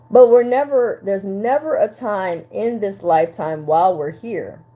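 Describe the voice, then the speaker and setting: Mellow-voiced woman coach, fifties, live stream. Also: mid-range voice. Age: 50s. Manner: animated, talks straight to the chat, repeats herself. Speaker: relationship coach. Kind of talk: live-stream talk to viewers.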